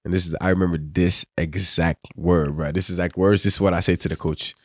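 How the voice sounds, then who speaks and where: A man's voice: low-pitched, steady tone, fairly quick, no echo, studio quality. A young man with a West African accent, chatting casually as a podcast guest in a laid-back, slangy way, dropping "bro" constantly. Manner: laid-back, slangy, says "bro" and "you know what I'm saying" constantly. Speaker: pro soccer player, guest.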